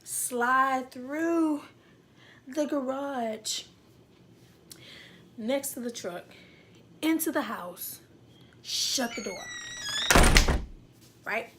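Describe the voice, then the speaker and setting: A young woman tells a story to camera, with a fairly high voice. She acts out the voices and slips into whispered asides. A faint hiss sits under her speech. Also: extremely slow, long pauses. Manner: dramatic retelling with acted-out voices and frequent whispered asides. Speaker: vlogger. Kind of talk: animated storytelling.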